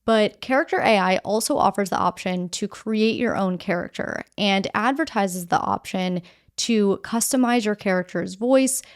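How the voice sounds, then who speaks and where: A woman's voice: mid-range voice, normal speed. A woman hosting a news podcast, explaining the day's stories in a conversational, direct way and walking through them step by step.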